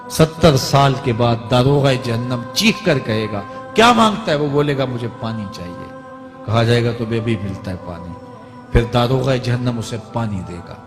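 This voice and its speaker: A man of middle pitch preaches a sermon in a dramatic style, rising to fervent cries and sinking to low, grave tones. His voice rings with long hall reverb. Faint music plays beneath it. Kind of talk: Islamic sermon.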